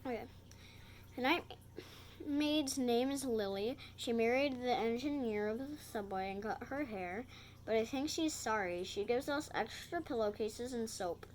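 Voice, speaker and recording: A woman's voice: a little high, slight background noise. A woman reading a children's picture book aloud, stumbling over words and correcting herself. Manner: halting reading with slips and self-corrections.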